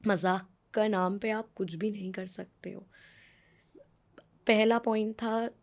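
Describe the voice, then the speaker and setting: एक महिला लेखिका, भारतीय लहजे में, इंटरव्यू में जोश और गंभीरता से अपनी बात रखती है, बीच-बीच में अंग्रेज़ी शब्द मिलाती है।. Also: female voice, mid-range voice, slow pace. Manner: earnest, animated, mixes English words into Hindi. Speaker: guest, author. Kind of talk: conversational interview answers.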